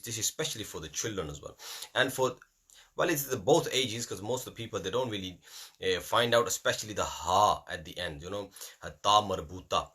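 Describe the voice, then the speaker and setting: A man leads a classroom Qur'an lesson. His voice sits low and sounds husky, yet it carries a bright, forceful edge. He repeats letters over and over, slipping in Urdu asides. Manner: repetitive, drills letters aloud, mixes in Urdu phrases. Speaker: Qur'an teacher.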